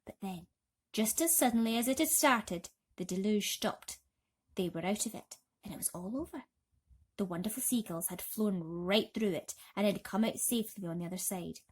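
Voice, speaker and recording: With a mid-range voice, a woman tells a children's bedtime story dramatically and expressively, leaning on emphatic pauses and rising swells.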